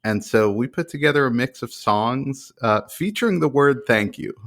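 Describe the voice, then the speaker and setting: A man's voice: mid-range voice, lively intonation, normal speed, fairly bright tone. A man hosting a music podcast, chatting casually in an upbeat, enthusiastic way. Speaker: podcast host. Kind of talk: casual chat.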